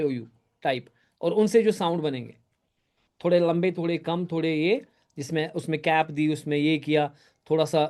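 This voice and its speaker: A man with a high-sitting voice and dark tone teaches a live class, explaining step by step. He frequently checks that students are following, praises their answers, uses their names, and answers the questions they type.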